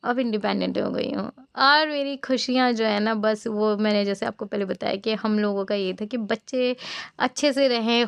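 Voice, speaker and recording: A woman's voice: on the high side, no echo. A woman in her thirties, a cooking channel vlogger, chatting casually in a rambling storytelling voice-over to her viewers.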